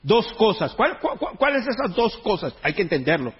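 A man's voice: high voice, very animated, normal speed, breathy edge, lo-fi sound. A man preaching a sermon in a joking, conversational way, full of slang. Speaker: pastor.

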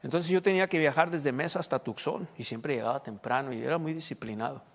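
A man with a Sonoran Mexican accent, a pastor preaching a sermon with lively asides and jokes to his congregation. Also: on the high side, fast, gravelly, in a large hall. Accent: Sonoran Mexican Spanish. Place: church.

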